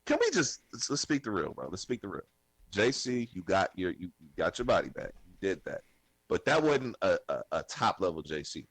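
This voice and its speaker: A man giving a casual podcast recap, animated and profane, ranting insistently. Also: sits low, a little fast, no room sound, poor audio. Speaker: podcast guest.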